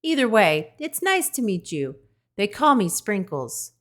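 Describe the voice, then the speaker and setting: A woman voicing a small, friendly female skunk who talks in a squeaky, eager, gushing way. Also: very animated, measured pace, a bit bright. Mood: excited.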